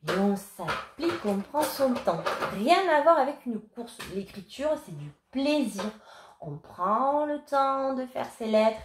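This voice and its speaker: A woman teaching young children remotely, dictating words slowly and patiently. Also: medium pitch, darkish tone, slight background noise. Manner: slow, clear, patient dictation. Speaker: primary school teacher. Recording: echoey room.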